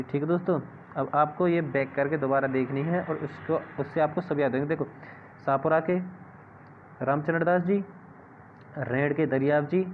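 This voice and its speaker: A man teaching an exam-prep lesson, often asking viewers a question and answering it himself. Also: on the high side. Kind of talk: classroom-style exam lesson. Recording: tinny phone-like audio with faint hiss.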